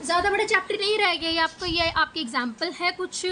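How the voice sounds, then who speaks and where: A woman teacher with a high, bright voice and an Indian English accent teaches an exam-prep lesson. She explains each point step by step, often checking in with "okay". There is faint noise behind her voice. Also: lively intonation, brisk, rough recording. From Punjab, India.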